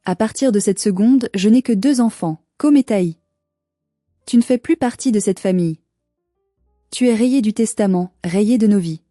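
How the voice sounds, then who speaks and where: A woman's voice: medium pitch, moderate pace, dark tone, no echo, clean studio sound, faint music behind, close to an everyday voice. A woman voicing a cold, cruel, haughty middle-aged mother who speaks in icy, clipped, cutting phrases.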